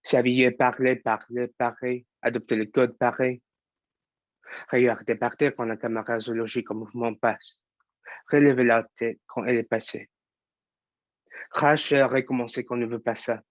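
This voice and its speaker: A man's voice: medium pitch, level tone, normal speed, no room sound, close to an everyday voice. Young man playing an impassioned young actor, stage monologue, dry dull sound. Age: young adult. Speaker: student actor. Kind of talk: theatre monologue.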